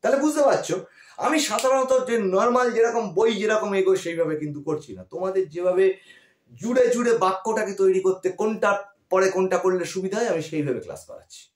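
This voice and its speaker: Guy teacher, west bengal bengali accent, high voice that bounces around a lot, echoey room. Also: lively intonation, fast. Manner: patient, repeats key words, frequent check-in questions. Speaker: English grammar teacher. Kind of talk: classroom-style grammar lesson.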